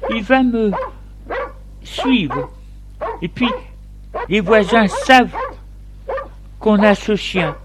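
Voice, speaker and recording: A man's voice: very slow, long pauses, full character voice. A man voicing a fretful, anxious middle-aged wife in a read-aloud story, pushing his voice well up into a fussy register. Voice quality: raised falsetto-like pitch. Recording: steady background noise.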